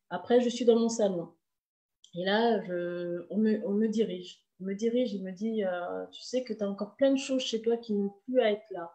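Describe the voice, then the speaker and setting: A woman telling her personal faith testimony in a halting, emotional way, full of restarts. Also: mid-range voice, mellow. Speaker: testimony speaker.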